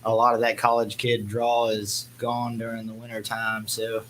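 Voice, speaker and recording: A man's voice: on the low side, completely flat delivery, normal speed, a bit bright, low-quality recording. A man in a casual chat, talking in a laid-back, slangy way as a member of a band. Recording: clear background noise.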